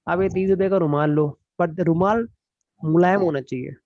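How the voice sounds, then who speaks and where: A man's voice: sits high, fairly even intonation, normal speed, muffled recording. A man running a live online class, explaining studio gear casually and checking in often with his students, heard through different mics and at times from far off. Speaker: online teaching trainer. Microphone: USB studio mic and headset mic in turn.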